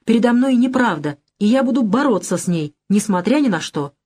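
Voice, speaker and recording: A woman's voice: fairly high pitch, expressive, fairly quick, a little mellow, slightly rough, voice pushed up. A woman reading an audiobook, voicing an earnest young man who speaks firmly and seriously. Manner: earnest, firm.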